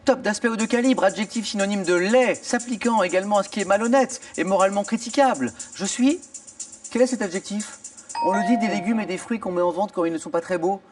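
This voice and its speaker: A man with a high-sitting voice and quick pace hosts a TV quiz show in a studio. He reads clues theatrically, exclaims, and cheers contestants on in an animated way. He's recorded from a distance over theme music and a studio audience.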